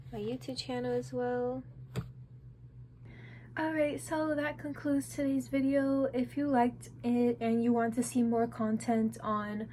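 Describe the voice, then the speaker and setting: Young woman, vlogger, casual chatter, slightly high voice, faint hiss behind. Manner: chatty, excitable, lots of "like" and "um". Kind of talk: casual sketchbook tour vlog.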